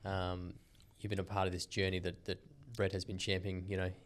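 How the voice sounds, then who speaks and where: A man's voice: low-pitched, completely flat delivery, fairly quick. A man hosting a casual podcast interview, friendly and rambling with restarts and filler words. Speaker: podcast host.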